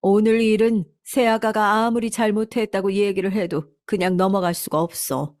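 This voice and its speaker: A woman's voice: mid-range voice, steady tone, normal speed, natural voice. Woman doing a stern, scolding mother-in-law. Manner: scolding, sharp.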